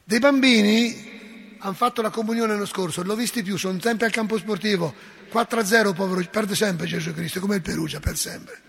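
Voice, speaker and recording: A man's voice: sits high, fairly quick, gravelly, fairly bright tone, slightly rough. A man, a parish priest giving an impassioned, scolding sermon with folksy asides. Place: church. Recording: long church reverb.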